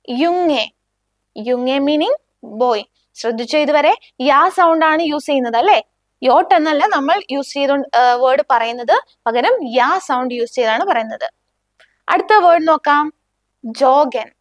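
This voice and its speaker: Woman teaching german, says every word twice real slow and clear. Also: high-pitched, no room sound, clean studio sound. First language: Malayalam. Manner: slow, clear, repeats each word for the learner. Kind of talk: beginner language lesson.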